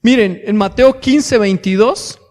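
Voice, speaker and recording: A man with a Mexican Spanish accent preaches a sermon in a church hall, addressing his congregation as brothers and asking rhetorical questions. He hesitates on fillers and restarts as he goes. His voice is high and darkish, with a long reverb tail.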